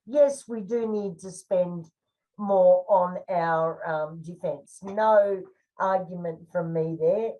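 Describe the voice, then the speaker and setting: An Australian woman co-hosting a casual budget chat, giving her opinions in a measured way with many fillers. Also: lowish voice, mellow, distant mic, highs cut off. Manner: measured, opinionated, frequent "you know" and "um". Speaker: co-host. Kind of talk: casual discussion of the federal budget.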